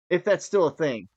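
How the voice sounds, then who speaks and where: A man's voice: a little high, a little mellow, no room sound. Guy rambling on a gaming stream, nervous little laughs, dry dull mic sound. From United States. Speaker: gaming podcast co-host. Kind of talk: casual chat while gaming.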